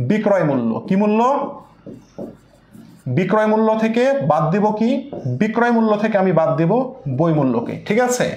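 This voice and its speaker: A male accounting teacher with a high voice lectures an online class. He repeats every step, asks the students rhetorical questions and answers them himself. The room around him is echoey. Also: a little mellow. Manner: addresses students as brother.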